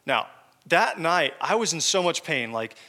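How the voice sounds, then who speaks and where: Male pastor, fairly high and bright voice, chatty sermon storytelling, long hall echo. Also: big pitch swings, measured pace. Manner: conversational, joking asides to the congregation. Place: church hall with congregation.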